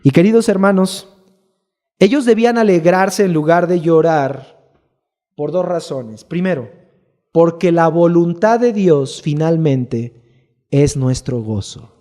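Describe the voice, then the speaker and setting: A man's voice: on the high side, slow, warm tone. A man preaching a sermon as pastor, talking to the congregation with rhetorical questions. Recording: long hall reverb.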